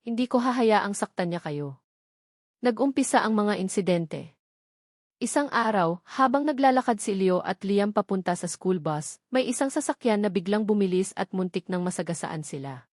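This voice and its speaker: A woman with a Filipino accent narrates a scripted dramatic romance in a medium-pitched, somewhat dark voice with lively intonation at a moderate pace. The recording is studio quality, with no room sound.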